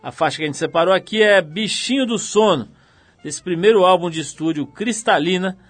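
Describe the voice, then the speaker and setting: Upbeat male radio host, higher voice. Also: a little fast, a bit bright, soft background music. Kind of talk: radio presenting.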